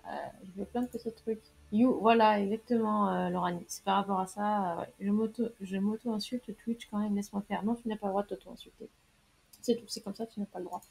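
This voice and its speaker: A woman's voice: medium pitch, steady tone, a little fast, gravelly, a little mellow, slightly rough. A young woman streaming a game, chatting casually, laughing often and reading chat messages aloud. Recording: faint game music behind.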